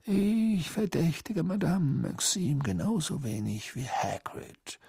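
Casting: male reader as a serene elderly headmaster, hushed and slow, breathy edge. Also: a little high, very animated, no echo, clean studio sound, pitched above the performer's own voice, exaggerated voice. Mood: calm. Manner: quiet, soft and unhurried. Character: calm wise old male headmaster.

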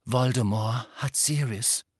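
A man voicing a desperate teenage boy who urges his friends on with loud, urgent outbursts. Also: mid-range voice, slow pace, dry recording, studio quality. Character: frantic teenage boy wizard, desperate and shouting.

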